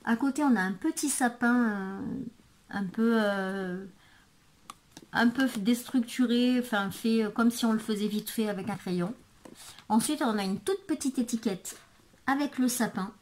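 A woman's voice: on the high side, unhurried, a little mellow. French-style crafty lady rambling about her stamps, lots of euhs, drops to a murmur sometimes. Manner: hesitant, many fillers and restarts. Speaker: craft vlogger. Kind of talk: casual product show-and-tell.

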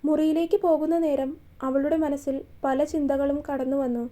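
A woman storyteller reading a scripted romance in a steady, even manner. Her voice is high-pitched but mellow and warm, never sharp. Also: normal speed.

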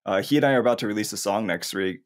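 A man's voice: lowish voice, racing. A man hosting a podcast, upbeat and enthusiastic with his guest. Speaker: podcast host. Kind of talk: casual interview chat.

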